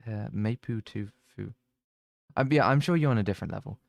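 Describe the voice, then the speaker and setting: A man's voice: fairly low pitch, brisk, creaky, dry recording. A young man chatting casually on a stream, rambling and self-mocking, with plenty of swearing. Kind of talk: casual chat.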